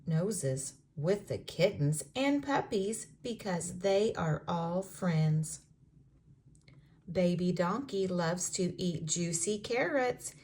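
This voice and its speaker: A woman's mid-range voice carries a children's story read aloud, delivered with expressive, precise diction meant for little listeners.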